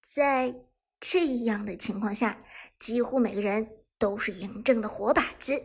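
A woman narrating a web novel audiobook with brisk, dramatic action telling. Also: mid-range voice, gravelly, husky.

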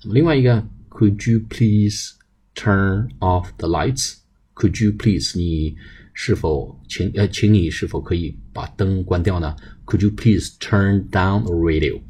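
A man with a Chinese accent teaching an English lesson, mixing Mandarin explanations with slow, spelled-out English example phrases. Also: low voice, a little mellow, slightly rough.

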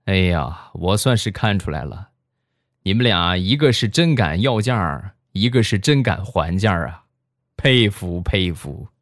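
A young man hosting a show, telling funny stories in a lively, chuckling manner. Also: low-pitched, normal speed, no echo. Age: young adult. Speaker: host. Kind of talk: comedic storytelling monologue.

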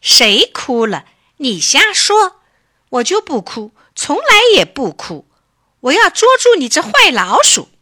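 Spoiled whiny kitten voiced by a woman, high and pouty, wheedling, storybook, bright, dry sound. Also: wildly swooping pitch, takes it slowly, dry recording, heavily acted. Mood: indignant. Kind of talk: storybook reading.

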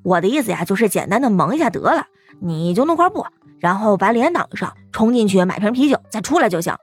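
A woman's voice: medium pitch, big pitch swings, quick pace, slightly rough, no echo, soft background music. A woman voicing a pleading, fawning male talking cat who craves beer, in an audiobook. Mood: coaxing. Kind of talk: audiobook role-play.

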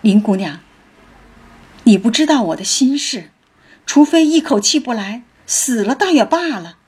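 A woman voicing a gentle, modest young maid who demurs, with a breathy voice. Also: a little high, lively intonation, unhurried, full character voice. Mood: demurring.

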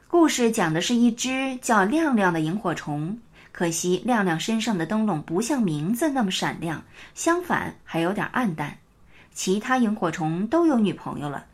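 A woman narrating a children's picture-book story in a lively, scripted storytelling style. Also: mid-range voice, slightly rough.

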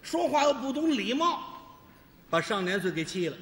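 A man's voice: extremely high pitch, moderate pace, in a large hall. A man performing crosstalk comedy as the lead teller, boasting and spinning a story on stage. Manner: boastful storytelling, animated delivery.

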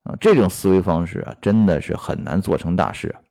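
Gravelly yet mellow, this man's low voice moves a little fast. He narrates a classic novel episode as storyteller and commentator, weaving in workplace remarks along with plenty of fillers and rhetorical questions.

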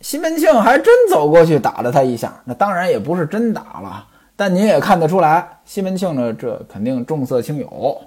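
A man talking through an old novel in a chatty, storyteller's way, his pitch a bit high and swinging widely. He tosses questions to himself and answers them, and his voice has a husky grain. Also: very animated, fairly quick, darkish tone. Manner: conversational, asks and answers his own questions; digresses into personal anecdotes. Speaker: explainer of a classic novel.

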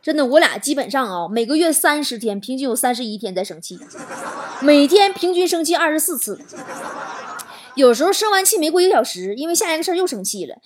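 A woman talk show host, telling stories in an animated, exaggerated comic monologue. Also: sits high, fast talker. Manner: animated, exaggerated storytelling with swearing and laughter. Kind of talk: comedic monologue.

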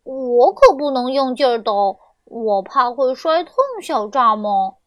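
A woman's voice: on the high side, expressive, slow, a bit bright, no echo. A woman voicing a silly, good-natured young male wolf in a children's story, earnest and childlike. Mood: puzzled.

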